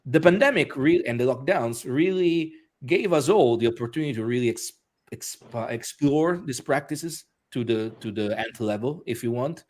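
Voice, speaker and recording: A man's voice: medium pitch, expressive, normal speed, a little mellow. A man speaking as an interview guest, talking casually with many restarts and fillers and laughing often. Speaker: interview guest, author and musician.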